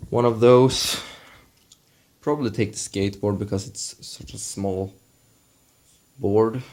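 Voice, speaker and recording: Slow, low-voiced young man vlogging at home. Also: steady tone, a little mellow, slight background noise. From Sweden. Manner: slow and halting, with many restarts. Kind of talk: casual vlog. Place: at home indoors.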